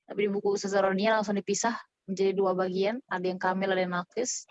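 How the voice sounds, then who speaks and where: A woman's voice: medium pitch, little pitch movement, fast, no room sound, lo-fi sound. A woman teaching a casual online Quran recitation lesson. She explains in a chatty way and keeps checking whether her students follow along.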